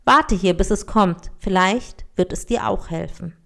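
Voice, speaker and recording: A woman's voice: medium pitch, unhurried, creaky, a bit bright. A woman voicing a kind, grateful man who was once crippled, earnest and hospitable, in a storybook reading. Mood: welcoming.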